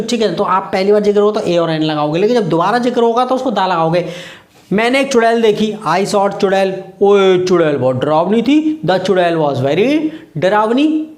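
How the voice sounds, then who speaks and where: A man's voice: high voice, echoey room. A man teaching English grammar in Hindi, mixing in English words and acting out little everyday scenes. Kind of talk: Hindi-language grammar lesson.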